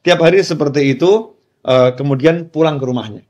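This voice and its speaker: A man's voice: on the high side, fairly quick, a little mellow. Man preaching a story. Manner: casual, repeats phrases, acts out quoted dialogue. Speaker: Islamic preacher. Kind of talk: short religious lecture, storytelling.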